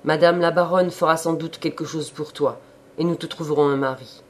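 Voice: mid-range voice, fairly even intonation, moderate pace, slight background noise, lightly acted. A reader voicing an older country priest who lectures and coaxes with a wry, knowing manner, in an audiobook of a classic novel. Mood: sly sermonizing. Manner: sermonizing, wry and cajoling.

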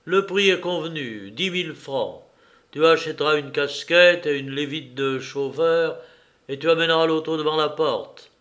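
A man reading an audiobook, voicing a cool, commanding gentleman burglar who gives brisk, ironic orders, a little higher and louder than his narration. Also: close to an everyday voice. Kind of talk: audiobook character voice.

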